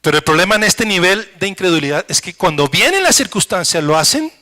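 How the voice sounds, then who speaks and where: Bright-voiced animated male pastor. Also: high-pitched, fast. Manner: animated preaching, acts out doubting believers in hushed voices. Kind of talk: sermon.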